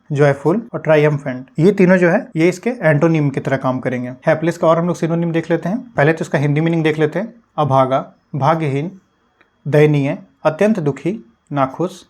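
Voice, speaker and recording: A young male teacher goes through exam vocabulary with a patient, repetitive explaining manner. His voice sits a little higher than most men's. He switches easily between Hindi explanations and English words and definitions. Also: darkish tone. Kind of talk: Hindi vocabulary lesson, explaining word meanings.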